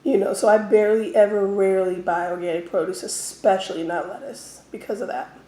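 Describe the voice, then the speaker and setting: A woman telling stories casually as an eating-show host, talking in short phrases with pauses. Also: mid-range voice, fairly even intonation, dark tone, slight background noise. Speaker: mukbang host. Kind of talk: casual storytelling while eating. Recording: roomy, echoey indoor sound.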